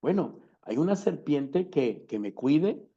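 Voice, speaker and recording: A man gives a law lecture, his voice slightly high for a man yet dark and mellow. There is a gravelly fry under his words. He keeps asking the room rhetorical questions and hammers the same key terms over and over. The recording is dull and lo-fi. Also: big pitch swings, takes it slowly.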